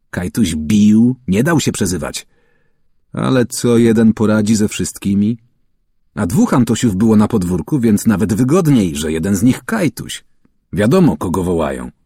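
A man reading a children's story aloud with expressive narration, acting out the characters' calls and shouts. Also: on the low side, husky, dry recording, studio quality. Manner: acts out calls and shouts, varies voice widely. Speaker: audiobook narrator.

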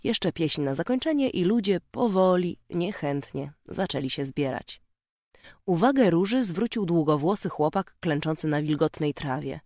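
Audiobook narrator, calm measured delivery, dry close read. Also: mid-range voice, no room sound. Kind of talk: scripted narration.

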